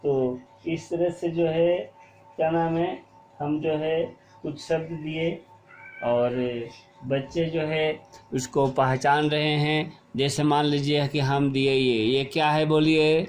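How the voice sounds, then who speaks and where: Slow, patient male teacher. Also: fairly high pitch, level tone, soft background music. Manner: slow and explanatory, asks questions and repeats answers. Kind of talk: classroom lesson.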